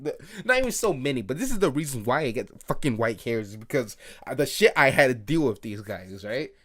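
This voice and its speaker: A man's voice: mid-range voice, fairly bright tone. A young man telling a rambling, profane late-night story, packed with fillers and asking "right?" again and again. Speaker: vlogger.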